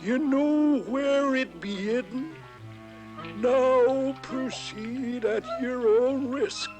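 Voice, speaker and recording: A man's voice: very high-pitched, extremely slow, a little mellow, soft background music, full character voice. A man playing an eerie, foreboding pirate in a theme park ride, drawing out archaic sea talk. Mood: menacing. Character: eerie pirate menacing intruders, cold and foreboding.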